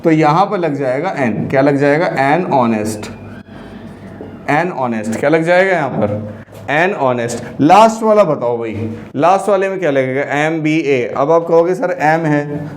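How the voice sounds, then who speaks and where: A man's voice: on the high side, animated, moderate pace. A man teaching an online grammar lesson, quizzing his students with repeated questions. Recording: echoey room with faint noise.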